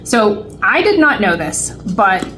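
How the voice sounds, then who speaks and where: With soft music in the background, a late-forties woman co-hosting a vlog chats to camera, slowly and in a sing-song way, full of fillers and restarts. Her mid-range voice has a sharp tone.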